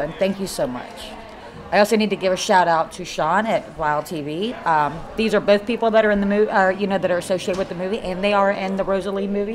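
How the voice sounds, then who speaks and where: A middle-aged woman with a Kentucky accent, a guest paranormal investigator chatting casually and rambling with lots of fillers and restarts. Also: lowish voice. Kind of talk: casual live interview chat. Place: haunted hotel event. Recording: live event with crowd chatter behind. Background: crowd chatter.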